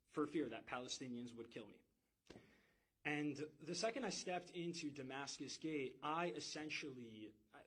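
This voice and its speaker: A man's voice: mid-range voice, fairly bright tone, breathy edge, rough recording. A man giving an intense, emphatic personal testimony and swearing now and then. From United States. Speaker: speaker telling his own story.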